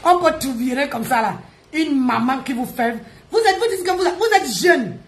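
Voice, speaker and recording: A woman, ranting and mocking on a live stream, loud, laughing and teasing. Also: high-pitched, lively intonation, moderate pace. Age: 50s. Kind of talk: Facebook live rant. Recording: echoey room.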